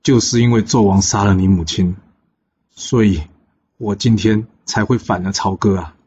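A man's voice: lowish voice, steady tone, moderate pace, mellow, slightly rough. A man voicing a grieving middle-aged male warrior general who speaks in a heavy, sorrowful way, on a dull lo-fi recording.

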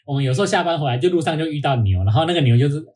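A young man from Taiwan, a podcast guest chatting casually and recounting his experiences with lively energy. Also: a little high, racing. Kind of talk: casual chat.

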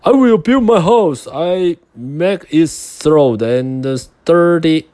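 A man voicing a determined, hardworking little pig in a storybook reading, earnest and slow. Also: a little high, lively intonation, a little mellow, no echo, pitched above the performer's own voice.

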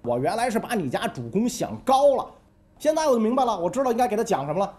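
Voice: medium pitch, very animated, quick pace, darkish tone, close to an everyday voice. A storyteller voicing a scheming, ambitious male scholar-adviser who talks in a fawning, wheedling way. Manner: fawning, wheedling, keeps asking "right?". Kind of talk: comic history storytelling.

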